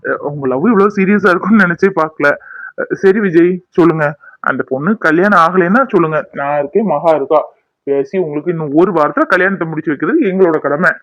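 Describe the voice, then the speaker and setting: A friendly young husband in a cartoon drama teases and reassures his pal, talking quickly in a fairly high voice. A man acts him out. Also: no echo, highs cut off, close to an everyday voice. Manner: teasing, reassuring.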